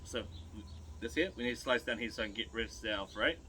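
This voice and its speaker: Bright-voiced Kiwi man, casual and colloquial. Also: medium pitch, quick pace, a little hiss or hum. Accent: New Zealand. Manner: laid-back, colloquial, instructive. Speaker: host demonstrating butchery to viewers. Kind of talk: casual chat while working.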